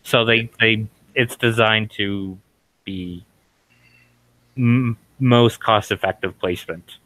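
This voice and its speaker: A man's voice: fairly low pitch, fairly even intonation, takes it slowly, fairly bright tone, no echo, poor audio. A man narrating as game master, hesitant and full of fillers.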